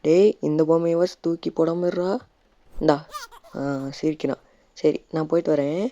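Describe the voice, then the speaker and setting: A man's voice: a little high, steady tone, normal speed, dark tone, muffled recording. A Tamil man doing casual let's-play commentary, chatting and playfully scolding a baby in the game. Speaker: gaming YouTuber.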